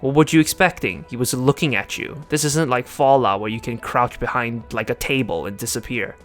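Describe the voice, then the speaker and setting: A man's voice: mid-range voice, brisk, soft background music. Sarcastic man narrating a video essay. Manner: sarcastic, joking. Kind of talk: scripted commentary.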